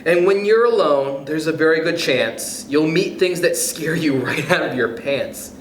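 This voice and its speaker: A man reading a children's picture book aloud in a playful, expressive way, chuckling between passages, then speaking to young listeners himself. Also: fairly high pitch, a little slow, a little hiss or hum. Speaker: youth club storyteller. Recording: echoey room.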